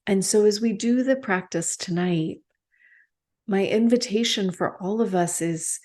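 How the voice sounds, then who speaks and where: A woman meditation teacher giving a reflective talk, gentle and unhurried, with soft pauses. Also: medium pitch. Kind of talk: slow reflective dharma talk.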